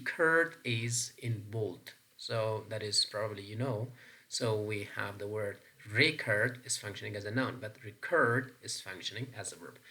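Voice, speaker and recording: A man's voice: medium pitch, sharp tone. A man with an Afghan accent teaching an English pronunciation lesson, explaining step by step with frequent fillers and restarts. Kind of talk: recorded classroom lesson.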